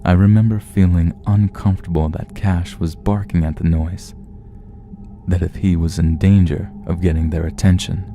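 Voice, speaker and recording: Male horror narrator, very dark and low, unhurried and somber, faint music underneath. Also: fairly even intonation, slight background noise. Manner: slow, measured, somber. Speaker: horror story reader.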